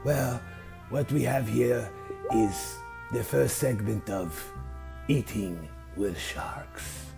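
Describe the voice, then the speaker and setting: An actor playing a flamboyant male shark husband serving a fancy dinner in a comedy sketch, in a theatrical, gravelly voice. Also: lowish voice, heavily acted. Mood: showy.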